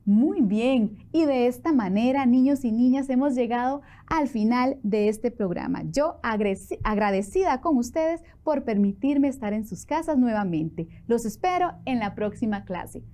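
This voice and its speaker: A woman teaching a televised class for children, asking questions and encouraging them in a lively way, with a Costa Rican accent. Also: on the high side, normal speed, hardly any pauses.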